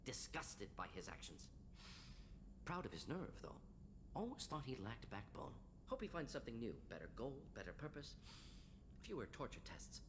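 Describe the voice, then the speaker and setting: A man's voice: medium pitch, sing-song, normal speed, natural voice. A man playing a clinical, restless alien scientist in a video game, speaking in clipped telegraphic phrases. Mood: wry, rueful. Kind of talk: video game character acting. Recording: game ambience noise behind voice.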